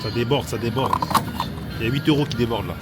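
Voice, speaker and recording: A man's voice: medium pitch, fast. A young man, vlogging casually from his car and a petrol station, slangy, joking and ranting. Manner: slangy, animated, swears and jokes, ranting. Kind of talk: casual vlog talk to camera. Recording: outdoor traffic noise behind.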